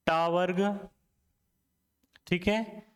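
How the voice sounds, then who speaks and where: Male teacher, young adult, slow deliberate delivery, sounds out each letter, smooth clear voice. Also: high-pitched, steady tone. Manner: slow, repeats sounds aloud and quizzes the viewer. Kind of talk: Hindi grammar lesson.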